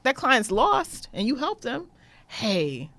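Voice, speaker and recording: A woman's voice: on the high side, huge pitch swings, slow, fairly bright tone. A woman podcast co-host with a blunt, dry sense of humor, speaking in a casual chat.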